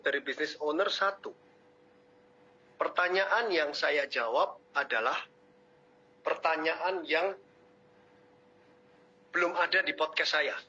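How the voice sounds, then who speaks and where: Man, high bright voice, animated motivational webinar talk, muffled lo-fi audio. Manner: animated, lecturing, teasing his audience. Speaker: webinar speaker.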